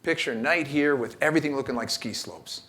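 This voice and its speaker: A man's voice: mid-range voice, a little fast. Middle-aged male keynote speaker, easygoing and wry, storyteller who leans on "uh" and "so" between thoughts, mid-range voice. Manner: relaxed, joking, storytelling with frequent fillers. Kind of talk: conversational keynote talk with storytelling. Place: church event space.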